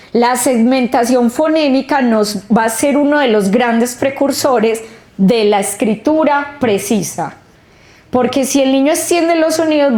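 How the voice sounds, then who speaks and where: A woman leads a literacy training session. Her voice sits a little high and she speaks at an unhurried pace. She sounds out words slowly to show how each sound is made. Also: a little mellow. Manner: slow, explanatory, stretching out sounds. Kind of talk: training workshop lecture. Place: training room.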